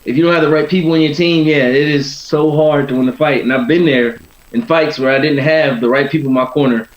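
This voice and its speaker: Fast-talking man in a roomy recording. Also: fairly high pitch, fairly even intonation. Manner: rambling, peppered with "you know" and "and stuff". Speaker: boxer being interviewed. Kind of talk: casual interview chat. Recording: roomy, dull lo-fi sound.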